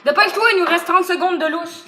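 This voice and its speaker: A woman's voice: extremely high pitch, fast. A woman with a Québécois accent, bossing and teasing a friend through a filmed food challenge, swearing freely. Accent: Québécois French. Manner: bossy, teasing, swears a lot. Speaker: vlogger filming a food challenge. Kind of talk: rowdy casual banter. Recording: echoey room with loud noise.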